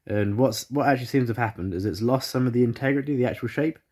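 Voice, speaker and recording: Speaking quickly in a medium-pitched, slightly mellow voice, a man vlogs from his living room on a phone camera. He is still congested after the flu. His casual chat to camera drifts around, full of fillers and restarts.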